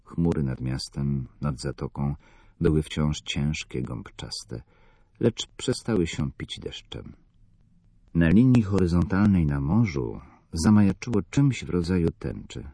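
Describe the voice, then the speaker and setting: A man narrating a novel in the first person, measured and somber. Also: rumbling low, lively intonation, mellow, no echo. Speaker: audiobook narrator.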